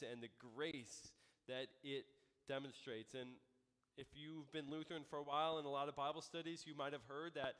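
American pastor preaching in a reverberant church. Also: male voice, fairly high pitch, fairly bright tone. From United States. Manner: conversational, with frequent ums and restarts. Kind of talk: sermon. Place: church sanctuary.

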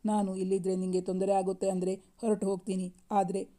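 A man's voice: sits high, completely flat delivery, a little fast, warm tone, natural voice. A storyteller voicing a young husband who tenderly coaxes his upset wife, speaking in an affectionate, pleading way. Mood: coaxing. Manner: coaxing, affectionate.

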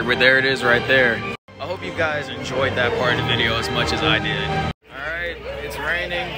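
At night in a rainy outdoor theme park and shopping area, a young man vlogs with his phone held out at arm's length. His mid-range voice is raspy and worn out, and though he sounds exhausted, he chats casually, rambles, and laughs often as he walks viewers through.

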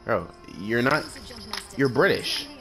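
A man's voice: mid-range voice, lively intonation, slow pace, gravelly, music in the background. A man chatting casually while gaming, teasing and swearing with his teammate. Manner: joking, swears, teasing banter. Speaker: gamer streamer.

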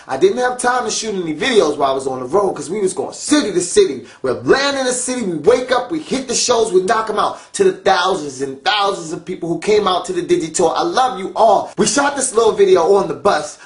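An energetic man, a YouTuber and rapper, talking in a hyped, slangy vlog style and shouting catchphrases. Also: high voice, fairly quick, hardly any pauses. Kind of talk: hyped vlog talk and rap.

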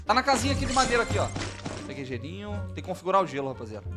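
A young man chats through a live game stream in a high, bouncy voice, and he gets excitable and swears freely. Game music and gunfire play loudly behind him the whole time. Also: rapid-fire. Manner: excitable, swears constantly, shouts at big plays. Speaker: gaming streamer. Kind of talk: casual live-stream chat.

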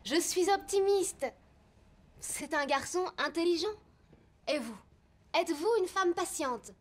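A woman's voice: extremely high pitch, expressive, measured pace. A young woman playing a student in a scripted drama, reassuring and upbeat. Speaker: student in a language-course drama.

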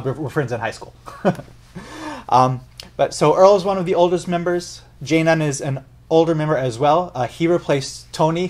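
A man's voice: fairly high pitch, darkish tone. A young man hosting a casual music reaction and analysis video, chatty and explaining at length while correcting himself as he goes. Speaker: music reaction channel host.

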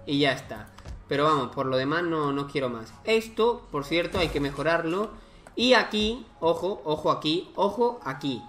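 A man gives loose, casual let's-play commentary, thinking aloud and breaking into exclamations. His voice sits a little high. Faint music plays underneath. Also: animated, moderate pace, fairly bright tone. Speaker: gaming YouTuber.

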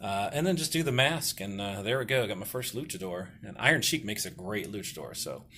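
A man's voice: fairly low pitch, expressive, a little fast, sharp tone, a little hiss or hum. A man casually walking through his toy customizing work, rambling and hesitant with many fillers and restarts, a bit self-deprecating. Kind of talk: casual hobby vlog walkthrough.

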